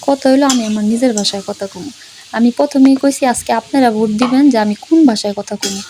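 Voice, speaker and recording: A woman in her thirties chatting casually at home as she cooks, slipping between polished standard speech and her relaxed regional dialect. Her voice is mellow and a touch high. Soft sizzling from the pan sits faintly behind her. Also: a little hiss or hum. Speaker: cooking vlogger. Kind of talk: casual chat while cooking.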